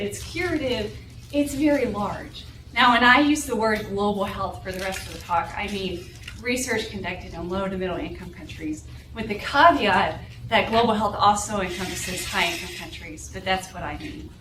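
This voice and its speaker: A young woman from New Mexico and Texas, with a light Southwestern accent and a North Carolina drawl, gives an academic seminar talk as a guest lecturer, standing at a podium in a lecture room. Her mid-range voice is explanatory, often adding "right?" to check in with the audience. A far camera picks up echoey, distant room audio with background noise.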